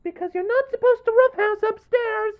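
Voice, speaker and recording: Man falsetto as a scolding pony mom. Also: moderate pace, phone-quality sound. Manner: calling out, mildly scolding. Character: scolding pony mother calling upstairs.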